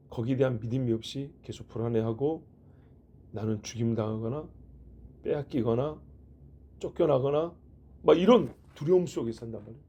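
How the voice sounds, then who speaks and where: Husky pastor preaching conversationally. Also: male voice, medium pitch, mellow. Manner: conversational preaching with rhetorical questions and joking asides. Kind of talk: sermon. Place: church.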